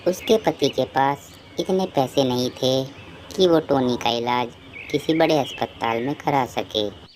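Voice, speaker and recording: Brief: calm female narrator for a kids' cartoon, deep for a woman, faint background noise. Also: unhurried. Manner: calm and even storytelling.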